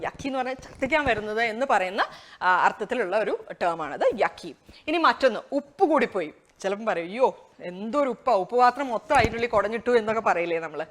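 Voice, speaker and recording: A woman with a Malayali accent runs a casual English lesson, her pitch swinging freely up and down as she explains. She laughs between points and stretches the example sentences out slowly and carefully. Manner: chatty, lively, laughs while explaining; slows down to model English words and sentences. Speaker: English teacher.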